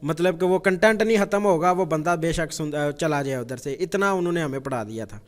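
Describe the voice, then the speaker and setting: A man with a Pakistani accent teaching programming in a conversational lecture style, repeating phrases and using frequent fillers. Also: fairly high pitch. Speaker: programming instructor.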